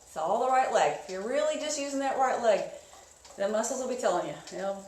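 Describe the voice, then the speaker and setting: A woman's voice: a little high, expressive, fairly quick, darkish tone. A woman leading an indoor cycling class, giving encouraging coaching cues and guided instruction. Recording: echoey room with faint noise.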